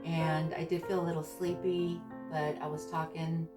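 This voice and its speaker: A woman vlogger casually recounting a personal experience in a halting, hesitant way, searching for her words. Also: low voice, little pitch movement. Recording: distant mic with background music.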